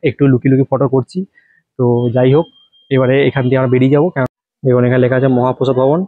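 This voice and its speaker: A man's voice: medium pitch, dry recording, narrow, tinny audio. A man hosting a casual travel vlog, guiding viewers chattily around temple grounds as he walks. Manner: rapid chatty guiding, addresses viewers directly. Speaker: travel vlogger host.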